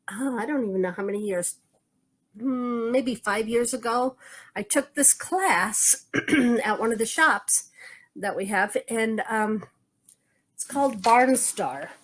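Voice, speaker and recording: A woman with a somewhat high, slightly slow voice co-hosts a casual quilt shop video. She chats and rambles in a show-and-tell way, searching for words as she shows off her craft projects.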